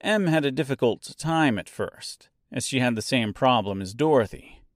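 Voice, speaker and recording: A man's voice: mid-range voice, lively intonation, moderate pace, no room sound, studio quality. A man reading a novel aloud as scripted narration, drawing out key words for drama. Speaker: audiobook narrator.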